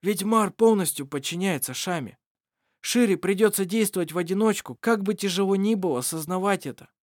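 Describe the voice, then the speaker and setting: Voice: mid-range voice, brisk, no room sound, clean studio sound, voice pushed up, close to an everyday voice. A reader doing an anxious old grandfather. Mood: heavy. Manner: pleading, then heavy and hushed. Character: older grandfather, anxious and urgent.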